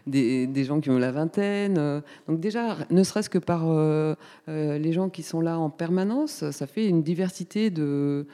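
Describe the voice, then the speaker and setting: A woman in her fifties from Paris, talking as a guest in a casual radio interview, chatty and pausing often with fillers. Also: low voice, dark tone, in a large hall. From Paris, France. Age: 50s. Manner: chatty, hesitant with many fillers. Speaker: guest, community space coordinator.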